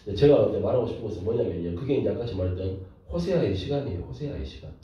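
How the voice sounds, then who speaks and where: Animated male pastor in an echoey room. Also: fairly low pitch, very fast. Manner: animated, rhetorical questions to the audience. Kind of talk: sermon lecture. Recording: echoey room from far off, dull lo-fi.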